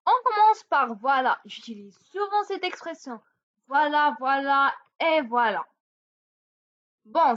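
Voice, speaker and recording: A woman teaching an informal language lesson, speaking clearly and deliberately and acting out example phrases as she goes. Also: high-pitched, fairly bright tone, highs cut off. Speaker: French teacher.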